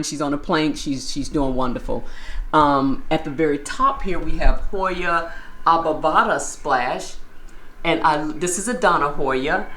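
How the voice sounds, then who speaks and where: A woman vlogger giving a chatty, enthusiastic tour of her plant collection while filming handheld. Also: deep voice. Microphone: handheld camera moved while filming.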